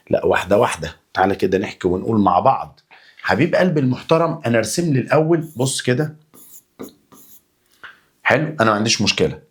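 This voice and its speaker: A man's voice: mid-range voice, husky. A young man with an Egyptian accent, teaching a chemistry exam review in a chatty, coaxing way, answering his own questions as if he were the student. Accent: Egyptian Arabic. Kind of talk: energetic exam-review lesson.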